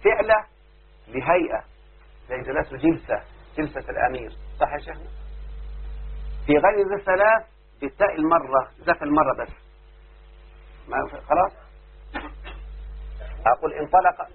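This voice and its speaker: A man with an Egyptian Arabic accent, a sheikh teaching grammar who keeps quizzing his students in a patient, repetitive call-and-response lesson, heard on a tinny low-fidelity recording. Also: animated, normal speed, pauses often, slightly rough.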